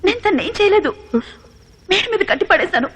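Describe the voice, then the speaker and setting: An actress dubbing an unstable, obsessive young woman in a film, with a shrill, menacing delivery. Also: lively intonation, quick pace, a bit bright. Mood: pleading. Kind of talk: dubbed film acting.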